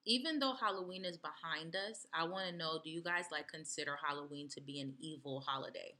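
A woman's voice: low voice, brisk, sharp tone. A woman hosting a casual podcast, chatty and giggly with lots of fillers. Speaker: podcast host. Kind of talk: casual chat.

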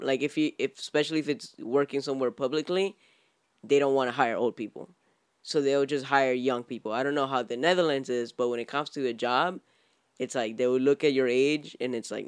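A man's voice: mid-range voice, a little fast, clean tone, no room sound, clean studio sound. A man co-hosting a casual podcast, trading crude jokes and banter. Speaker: podcast co-host.

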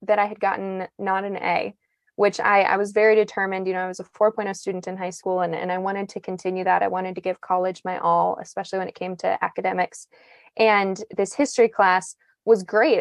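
Her pitch sits in the middle, and the recording carries no room sound. This twenty-something journalist, guesting on a podcast, recounts her experiences conversationally and thoughtfully, often pausing on fillers and starting sentences over in a relaxed interview setting.

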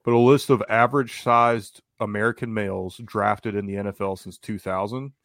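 Male sports panelist, fairly low voice, conversational delivery, dry sound with little room. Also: fairly even intonation, fairly quick, creaky, a bit bright, no room sound. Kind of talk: casual sports chat.

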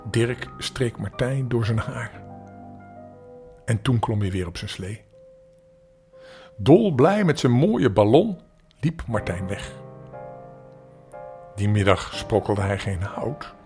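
An older man from the Netherlands reading a bedtime story aloud for children, gentle and expressive with small slips. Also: lowish voice, takes it slowly, long pauses, faint music behind.

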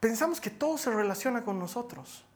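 A male pastor giving a sermon in a lively, humorous storytelling manner, moving between loud emphatic lines and soft asides. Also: very high voice, brisk.

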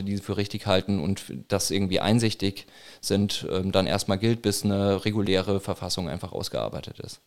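Male, 30s, from northern Bavaria, lowish voice, halting interviewee with lots of fillers. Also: darkish tone, clear, resonant tone. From Franconia, northern Bavaria, Germany. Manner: halting, many fillers and restarts. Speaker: interviewee, protest organizer. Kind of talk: casual interview.

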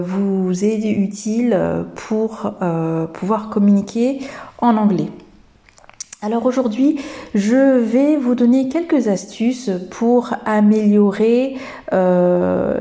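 A woman hosts a podcast lesson with a mellow, warm voice. She speaks slowly and hesitantly, pausing on fillers as she explains. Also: mid-range voice. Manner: slow and hesitant, many fillers. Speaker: English teacher and podcast host.

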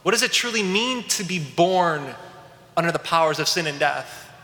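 Earnest priest, bright voice in a church. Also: male voice, on the high side, animated, moderate pace, roomy sound, long reverb tail. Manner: storytelling, earnest and emotional. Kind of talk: sermon.

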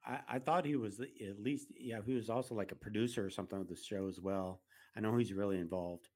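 A man co-hosting a podcast with a fairly low voice, relaxed and wry. He drops in short quips and laughs during the chat. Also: fast talker. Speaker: podcast co-host. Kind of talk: casual chat.

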